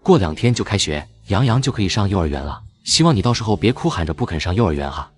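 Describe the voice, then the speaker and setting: A man playing a deep-voiced teasing uncle. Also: sing-song, fast. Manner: playful teasing. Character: teasing young uncle, a rich company boss.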